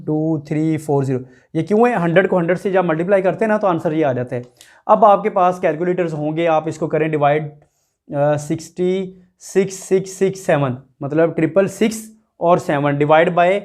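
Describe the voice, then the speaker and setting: A man's voice: on the high side, a little mellow. A man teaching a math lesson, explaining each step and asking his students rhetorical questions as he works through the numbers. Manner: addresses students directly and repeats numbers.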